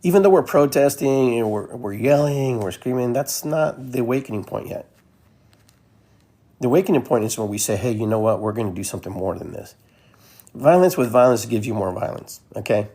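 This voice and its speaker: Peruvian-born guy hosting a podcast solo, just riffing and repeating himself, dark mellow voice. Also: medium pitch, expressive, fairly quick. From Peru. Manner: rambling, conversational, repeats phrases. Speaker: podcast host. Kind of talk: casual monologue.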